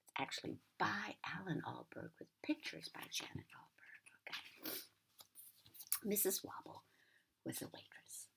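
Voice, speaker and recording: A sweet old American lady, a grandmother, reads a picture book aloud to a child in a gentle, breathy, husky near-whisper with chatty asides. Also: mid-range voice, expressive, unhurried, long pauses. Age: older.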